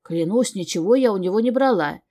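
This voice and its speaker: A woman narrating a first-person fantasy audiobook in a wry, expressive way. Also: mid-range voice, brisk. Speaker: audiobook reader.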